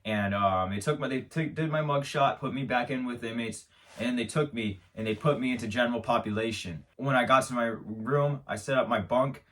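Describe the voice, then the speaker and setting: On his own show, a man tells an absurd story as a comedic monologue, mock-serious and meandering, with stumbles over restarts. He speaks at medium pitch and moderate pace in a fairly bright tone, with the mic placed far away.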